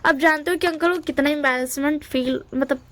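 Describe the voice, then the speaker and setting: A woman's voice: high-pitched, fairly even intonation, a little fast, no echo, close to an everyday voice. A woman voicing a blunt, hot-tempered young man who threatens to fight, mixing English words into his talk. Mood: defiant.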